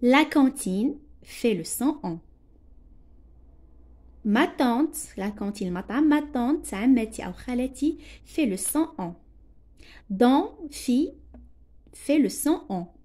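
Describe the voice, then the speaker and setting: A woman teacher with a Moroccan accent walks young pupils through a lesson at an unhurried pace. Her voice sits high but has a mellow, soft tone. She is patient and spells things out letter by letter. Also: lively intonation. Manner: slow, patient, spells out letters and translates words. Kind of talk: classroom lesson explanation.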